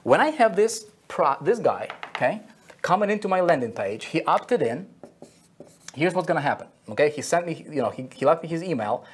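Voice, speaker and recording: A man's voice: on the high side, sing-song, normal speed, slight background noise. A man teaching an online marketing lesson at a whiteboard, checking in with listeners constantly and repeating key phrases for emphasis. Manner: checks in constantly with "okay?" and "right?".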